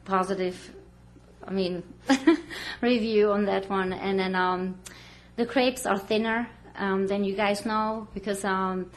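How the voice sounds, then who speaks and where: A woman from the Czech Republic, a restaurant owner speaking at a council podium, hesitant with many pauses. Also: medium pitch, fairly even intonation, slight background noise. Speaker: restaurant owner applying for a license.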